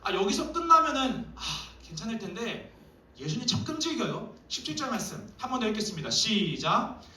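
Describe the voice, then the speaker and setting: High bright guy preaching to teens in an echoey church hall, kinda far from the mic. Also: a little fast. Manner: lively, acts out quoted dialogue. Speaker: youth pastor. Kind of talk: sermon to youth group.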